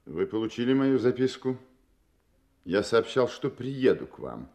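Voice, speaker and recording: In a Russian audio play, an actor portrays a proud, imperious masked king posing as a count. His medium-pitched voice is sing-song, a little slow, and a little mellow, and his delivery is stately, formal, and commanding, with a haughty, guarded mood.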